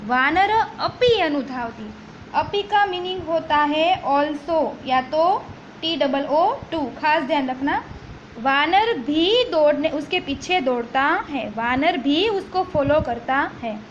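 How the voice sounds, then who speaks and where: A woman's voice: sits high, animated, slow pace. A woman teacher explaining a textbook story line by line, mixing languages and often checking with "ठीक है?". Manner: switches between languages, repeats and checks "ठीक है?". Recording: dull lo-fi recording with faint noise.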